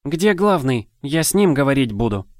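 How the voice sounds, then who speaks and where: A man's voice: mid-range voice, very animated, moderate pace, no echo, studio quality, pitched above the performer's own voice, lightly acted. A man voicing a bold, scornful girl who snaps back with curt, rude retorts. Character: sharp-tongued scornful girl, bold and demanding.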